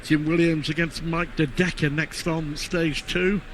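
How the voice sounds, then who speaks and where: A man's voice: fairly high pitch, little pitch movement, unhurried. A man giving conversational live commentary on a darts match. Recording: clear venue noise behind commentary.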